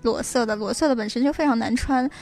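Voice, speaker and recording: A woman's voice: a little high, quick pace, a little mellow. A woman co-hosting a casual podcast chat, agreeable and descriptive, with frequent backchannels. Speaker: podcast co-host.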